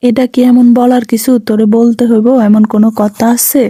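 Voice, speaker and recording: A woman's voice: fairly high pitch, level tone, normal speed, mellow, dry recording, studio quality, close to an everyday voice. A woman voicing a scornful, threatening husband. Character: harsh cruel young husband, man.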